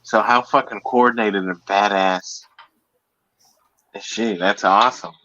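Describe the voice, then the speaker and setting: A man's voice: on the low side, steady tone, unhurried, sharp tone, no room sound, highs cut off. A man hosting a casual livestream chat, loose and profane, hyping people up. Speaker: livestream host.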